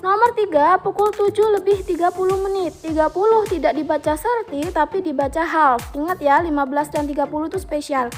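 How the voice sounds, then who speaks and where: A woman with an Indonesian accent teaching a lesson, enunciating slowly and deliberately as she explains step by step. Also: very high voice. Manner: instructive, repeating key points step by step. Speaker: English teacher. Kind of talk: scripted lesson explanation for students. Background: music.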